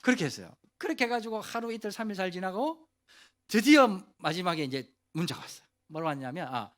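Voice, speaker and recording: Lively, high-voiced male pastor preaching. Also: fast. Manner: animated storytelling, casual speech to teens; asks the audience questions directly. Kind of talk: youth service sermon.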